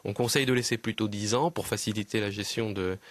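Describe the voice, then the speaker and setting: Man from Lower Normandy, radio guest, low voice, earnest, halting with fillers, dry close sound. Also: steady tone, dry recording. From Lower Normandy, France. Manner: earnest, hesitant, many fillers and restarts. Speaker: guest, land trust representative. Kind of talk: radio interview answers.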